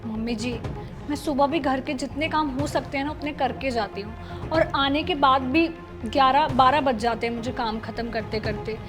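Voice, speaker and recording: A woman's voice: sits high, normal speed, natural voice. A woman playing a pleading young daughter-in-law. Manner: soothing, pleading, later indignant. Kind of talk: short film acting. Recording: dialogue with loud background music.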